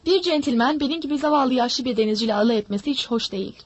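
A woman's voice: sits high, fast talker, dry recording. A woman doing a sly old pirate. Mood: sly coaxing. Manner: smooth-talking, mocking threats.

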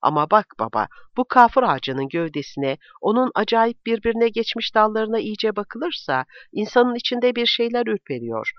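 An earnest, sensitive young daughter in a storybook reading, a man raising his voice high to play her. She speaks eagerly and a little loudly, her voice lifted well above his usual tone. The recording is dry and somewhat muffled. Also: big pitch swings, moderate pace, hardly any pauses, dry recording. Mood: earnest wondering.

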